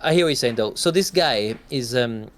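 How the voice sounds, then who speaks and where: A man's voice: medium pitch, lively intonation, normal speed. A man co-hosting a gaming podcast, talking in a rambling, casual way and swearing now and then. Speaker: podcast co-host.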